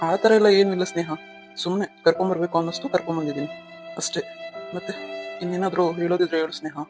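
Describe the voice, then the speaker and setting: A man playing a guarded young husband who asks calm, probing questions. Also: high-pitched, rapid-fire, music in the background, lightly acted.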